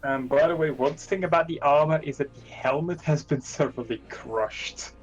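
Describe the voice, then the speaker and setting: A man running a tabletop game as game master, explaining details in a halting, self-correcting way. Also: a little high, lo-fi sound. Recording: music playing behind the voice.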